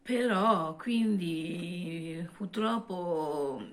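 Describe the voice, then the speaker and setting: A woman, a native French speaker, chatting casually to viewers as a vlog co-host in accented, halting speech with repeats and self-corrections. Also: fairly low pitch.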